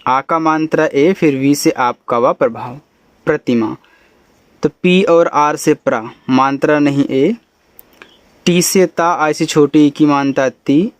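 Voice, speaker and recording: A man's voice: a little high, no echo. A man teaching spelling, explaining patiently letter by letter. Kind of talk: spelling lesson.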